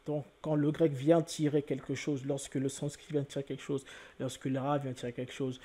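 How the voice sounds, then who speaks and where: A man's voice: medium pitch, level tone, brisk, mellow. A man giving an explanatory video lecture, laying out points step by step and often checking in with the listener. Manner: methodical, repeats points with "hein" and "donc". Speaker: video lecturer on word origins.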